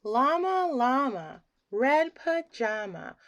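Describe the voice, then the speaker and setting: A woman reads a children's bedtime story aloud, acting out each emotion in the words with theatrical expression. Her voice sits high and her pace is slow.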